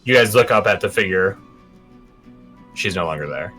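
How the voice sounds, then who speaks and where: A man narrating a tabletop game as game master, moving between dramatic, drawn-out description and casual asides. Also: deep voice, lively intonation, sharp tone, faint music behind.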